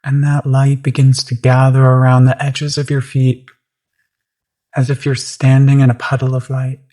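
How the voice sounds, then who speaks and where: Soothing and gentle, this meditation guide keeps a very flat, mid-pitched voice. Phrases come slowly with generous pauses between them.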